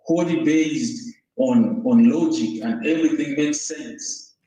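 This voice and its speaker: A man's voice: on the high side, slow pace, dark tone, very echoey, rough recording. A man from Zambia calling in to a debate show, hesitant with stumbling restarts but turning heated and accusing. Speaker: caller. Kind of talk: argumentative phone-in debate.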